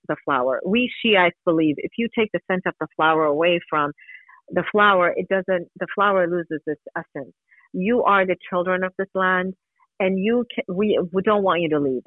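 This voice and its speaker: Over a narrow phone-style radio connection without echo, an Iranian woman with a voice on the low side gives an earnest interview. She's a human rights advocate who speaks emphatically and at times poses her own questions before answering them.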